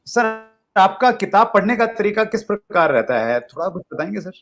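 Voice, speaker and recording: A deferential male interviewer puts polite questions to his guest. His voice sits high and moves a lot. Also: sing-song, moderate pace, fairly bright tone, faint music behind. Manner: deferential, addresses guest as sir.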